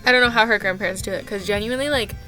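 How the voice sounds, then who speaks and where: A woman's voice: mid-range voice, racing, bright, forceful tone, soft background music. A young woman and camp counselor telling a casual storytime vlog, rambling and exasperated, with lots of "like". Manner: exasperated rambling rant, heavy use of "like".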